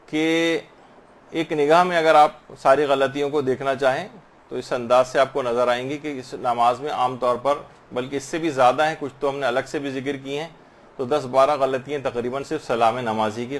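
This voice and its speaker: A man giving a religious lesson on prayer, patiently explaining and slowly drawing out Arabic phrases to show correct pronunciation. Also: mid-range voice, steady tone. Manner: slow drawn-out demonstrations of Arabic pronunciation. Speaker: religious teacher.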